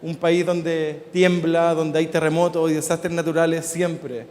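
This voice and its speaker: A middle-aged Chilean man with a slightly high voice gives a relaxed conference talk, easing between ideas with frequent "eh" fillers. His Chilean Spanish accent carries through a large hall, and the sound trails off in a long reverb. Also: unhurried. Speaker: design conference speaker.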